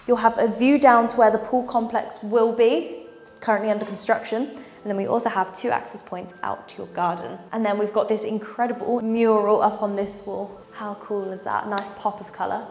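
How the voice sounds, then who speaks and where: A young woman on a lapel mic narrates an upbeat walking tour of a large furnished house indoors, enthusiastic and gesturing as she goes. Her mid-range voice has a darkish tone and fairly even intonation, and she speaks at normal speed.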